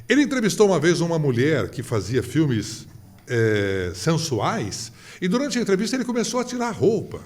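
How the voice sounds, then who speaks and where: A Brazilian-accented man in his fifties tells stories as a seasoned radio announcer. His voice sits a little high and swoops widely in pitch. He mimics the people he quotes as he goes. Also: moderate pace. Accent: Brazilian Portuguese. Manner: animated, acts out quoted voices. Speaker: veteran radio announcer, podcast guest. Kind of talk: storytelling in a casual interview.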